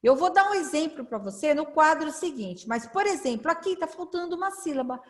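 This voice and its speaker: Woman, Brazilian Portuguese accent, literacy tutor, sing-song syllable drills, rather high voice. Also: lively intonation, fairly quick. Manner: cheerful, coaxing questions to a child. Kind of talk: children's phonics lesson over slides.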